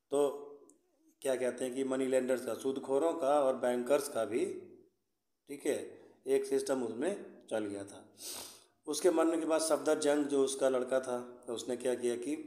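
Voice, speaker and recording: Male history tutor, mid-pitched, patient explaining voice, recorded in an echoey room. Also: dark tone. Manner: repeats "theek hai", mixes English words. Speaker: history teacher. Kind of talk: explanatory lesson.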